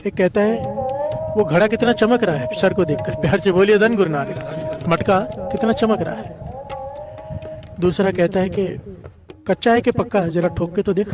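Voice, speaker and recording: High-voiced man preaching a devotional sermon. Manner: storytelling with repeated call-and-response chants. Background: devotional music.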